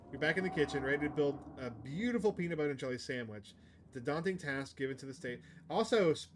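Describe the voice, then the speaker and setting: A streamer playing a visual novel offers casual commentary in a mid-range male voice, muttering half-finished thoughts and reading the on-screen story text aloud. There's a slight hiss or hum on the recording.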